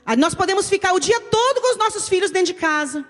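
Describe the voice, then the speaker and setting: High-voiced Brazilian woman pastor preaching. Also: expressive, quick pace. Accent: Brazilian Portuguese. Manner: emphatic, addresses listeners as "querido". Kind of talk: sermon. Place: church hall. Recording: reverberant church hall with soft music.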